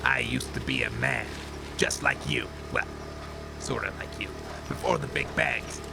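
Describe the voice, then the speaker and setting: Man acting gravelly, bitter old cyborg drifter. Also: medium pitch, a little slow. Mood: wistful. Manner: brusque, irritable, swaggering. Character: gruff, boastful, bitter two-hundred-year-old male cyborg drifter. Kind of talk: comic audio drama acting. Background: music bed.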